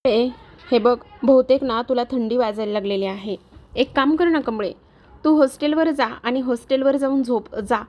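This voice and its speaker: A woman doing a gentle, coaxing young girl. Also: a little high, normal speed, natural voice. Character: caring young girl, coaxing her friend.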